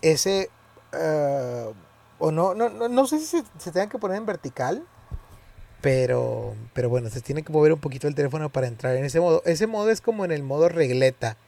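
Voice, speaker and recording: A man's voice: fairly high pitch, big pitch swings, moderate pace, vocal fry, dark tone. Hesitant man explaining step by step. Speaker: tutorial presenter. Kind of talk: casual spoken tutorial.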